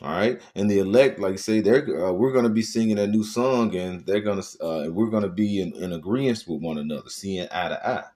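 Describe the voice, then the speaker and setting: A man's voice: deep voice, brisk, hardly any pauses, mellow. A man preaching a sermon, reading scripture and stressing points with frequent "all right" and many filler sounds.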